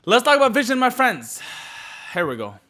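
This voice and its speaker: A young man from the Middle East giving a passionate live motivational talk to his audience, repeating phrases and swinging from loud bursts to hushed, quiet lines. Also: extremely high pitch, wildly swooping pitch, moderate pace. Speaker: motivational speaker.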